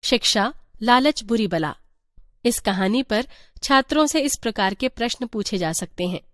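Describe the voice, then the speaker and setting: A woman reading a teacher's guide aloud in an even, measured voice. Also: a little high, dry recording, clean studio sound. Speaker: textbook reader.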